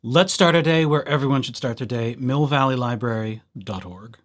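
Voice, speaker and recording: A man of medium pitch talks at a normal pace while hosting a playful, scripted tutorial about a library. He jokes with viewers directly and acts out little imagined back-and-forths in a casual style.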